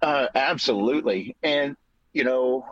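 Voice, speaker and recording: A man speaking as a guest in a casual personal tribute, with hesitant, halting phrasing, over a video call. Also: medium pitch, fairly bright tone, no room sound. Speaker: guest, podcaster and DJ. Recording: dull dry video-call audio.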